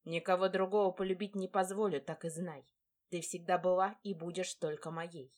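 A woman reading the part of a brash, possessive dark lord in an audiobook, teasing and insistent. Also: lowish voice, steady tone, moderate pace, close to an everyday voice.

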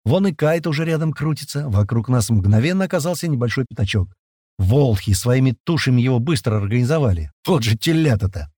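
A man reads an audiobook in the first person, casual and peppered with coarse slang. His pitch is middling but moves around a lot. The sound is close and dry. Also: animated, fairly quick, dark tone, no room sound. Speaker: audiobook narrator.

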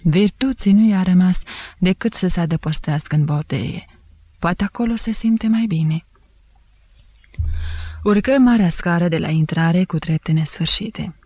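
A woman narrating a novel in a measured, even storytelling voice. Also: on the low side, husky, no room sound. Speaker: audiobook reader.

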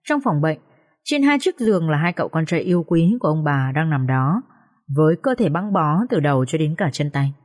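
A woman giving scripted audiobook narration in a steady storytelling manner. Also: low voice, fairly quick.

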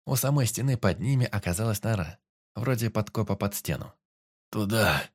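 A man narrating a dramatic story in a steady, measured reading. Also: fairly low pitch. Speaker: audiobook narrator. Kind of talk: scripted narration.

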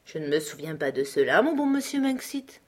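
A woman's voice: fairly low pitch, lively intonation, normal speed. A woman reading the part of a cowardly middle-aged male doctor who fawns and pleads. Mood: fawning. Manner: obsequious, pleading.

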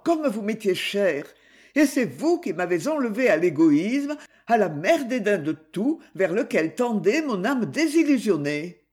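A man's voice: high voice, darkish tone, heavily acted. A man voicing a proud, tender young woman in love, grave and fervent.

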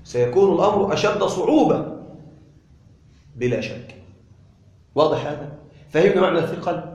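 A man with a high voice teaches grammar and keeps asking his listeners questions to check they follow. He repeats each point and stretches words slowly to demonstrate pronunciation. The room around him echoes. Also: lively intonation, darkish tone, lo-fi sound. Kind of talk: classroom lesson.

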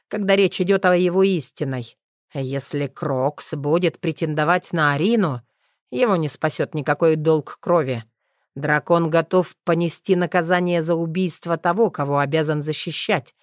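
A woman narrating an audiobook in a steady, measured storytelling manner. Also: deep voice, no echo, studio quality.

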